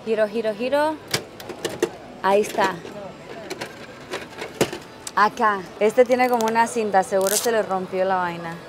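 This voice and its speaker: A chatty, excitable woman gives casual vlog commentary, her voice sitting a little high. She laughs often as she talks. A busy capsule-toy shop fills the background with loud ambient noise. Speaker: travel vlogger.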